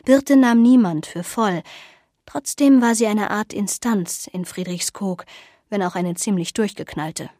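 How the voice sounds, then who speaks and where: A woman narrating an audiobook in a measured, even storytelling manner. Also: medium pitch, no echo, clean studio sound.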